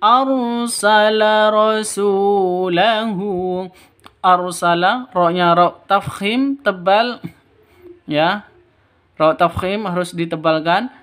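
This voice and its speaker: A man with a high, smooth, clear voice leads a beginner lesson in Quran reading. He chants each verse slowly and drawn out, then breaks off to explain the rules at an unhurried pace, stopping to correct himself and to repeat the examples patiently. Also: a bit bright. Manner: alternates slow drawn-out chanted recitation with brisk explanations. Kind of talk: step-by-step recitation lesson for beginners.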